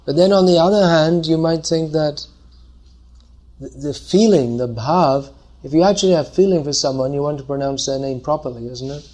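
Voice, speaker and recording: A man's voice: a little high, moderate pace, a little mellow. A man leading a scripture class, answering audience questions and explaining by thinking aloud.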